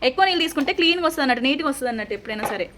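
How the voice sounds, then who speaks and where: A woman's voice: sits high, lively intonation, very noisy. A woman, a mother coaxing and instructing her children through a clay craft in a casual home video. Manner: coaxing, instructive, quick questions.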